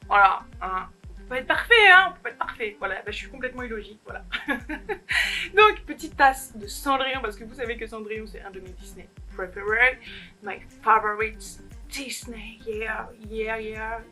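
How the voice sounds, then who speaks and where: Talking solo to the camera at home, a young woman rambles and giggles through a casual haul video while making fun of herself. Her voice is on the high side, expressive, a little fast, pushed and bright, with faint music in the background.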